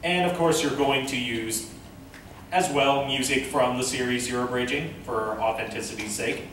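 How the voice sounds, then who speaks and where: A panel presenter gives a casual, step-by-step instructional talk in an indoor convention room, heard from a distance amid heavy reverberation and faint noise. His voice has an ordinary middle pitch and a fairly bright tone, and he keeps a moderate pace.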